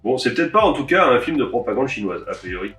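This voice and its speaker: A man's voice: medium pitch, very animated, quick pace, a bit bright, far from the mic. A man talks casually through a stack of DVDs, wry and grumbling, with the odd offhand swear. He sits a little back from the mic, in a room with a roomy echo. Faint music plays behind him. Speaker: DVD collector vlogger.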